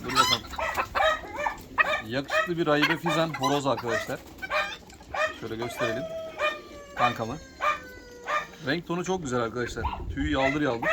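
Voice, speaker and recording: A man vlogging as a poultry hobbyist, chatting to viewers and softly coaxing his birds to come and calm down. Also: mid-range voice, normal speed, pauses often. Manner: coaxes birds with soft repeated calls; lively, chatty, addresses viewers directly. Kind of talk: casual vlog, unboxing birds for viewers. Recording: loud background noise with clucking chickens.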